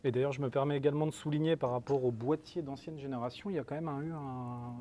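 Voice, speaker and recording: A man's voice: mid-range voice, fairly even intonation, fast talker, mellow, slight background noise. A man hosting a live, casual product interview, asking informal, slightly rambling questions. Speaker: host and interviewer, store salesperson.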